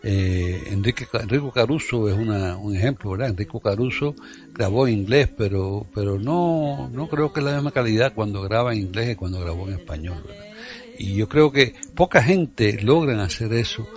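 A man's voice: on the low side, animated, normal speed, a little mellow, muffled recording, soft background music. A man hosting a radio show, chatting casually and admiringly with his guest about singers. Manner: conversational, admiring. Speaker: radio host.

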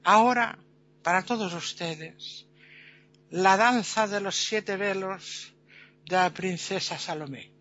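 A woman voicing a pompous showman who announces wonders in slow, grand tones, on a dull lo-fi recording. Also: mid-range voice, a bit bright. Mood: grandiose.

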